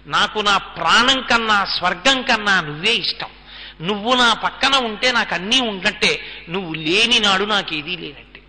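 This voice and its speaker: A man's voice: sits high, normal speed, pushed and bright. Rama, a man voicing a tender young prince. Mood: devoted. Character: devoted young prince husband, tender and earnest. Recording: long hall reverb.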